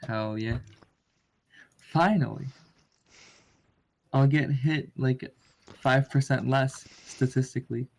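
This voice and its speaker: Animated male player, average pitch, excitable delivery. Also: takes it slowly, pauses often. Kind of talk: tabletop role-play.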